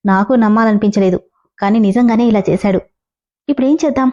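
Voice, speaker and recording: A woman's voice: mid-range voice, fast, warm tone, muffled recording, lightly acted. A woman voicing an indignant, hot-tempered young wife who speaks bluntly. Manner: blunt, exasperated.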